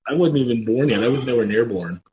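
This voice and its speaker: A man in his late thirties talks casually as a podcast co-host. He is blunt and to the point, with an average-pitched voice. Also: animated, fast talker, warm tone, a little hiss or hum, rough recording. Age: late 30s. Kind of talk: casual chat.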